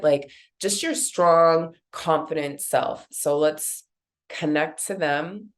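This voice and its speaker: Woman card reader, deep-ish nasal voice, casual rambling delivery. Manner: casual, rambling, many fillers. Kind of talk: guided intuitive card reading.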